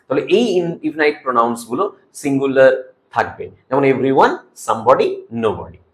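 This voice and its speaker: A man with a Bengali accent teaching English grammar rules for an exam, explaining each rule and reading example sentences slowly and deliberately, checking in with "okay?" as he goes. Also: medium pitch, lively intonation. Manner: mixes English terms into Bengali, asks "ok?" often. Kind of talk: exam-prep grammar lesson.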